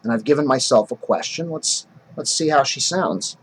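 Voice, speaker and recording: A man's voice: mid-range voice, animated, normal speed, slight background noise, low-quality recording. A drama teacher explaining how to speak verse, casual and explanatory, often restarting his sentences. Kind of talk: acting lesson.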